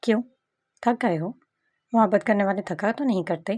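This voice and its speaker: A grieving young woman speaks calmly, guarded and resigned, as a woman reading the story voices her. Her tone stays level and composed. The pitch sits at an ordinary middle height. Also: moderate pace, close to an everyday voice. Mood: wry. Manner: calm, resigned.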